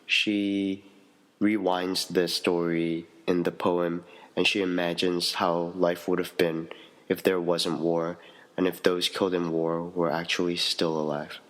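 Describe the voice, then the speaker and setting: A man reading out a prepared poetry analysis as a student, in a measured, steady way. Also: low-pitched, rough recording.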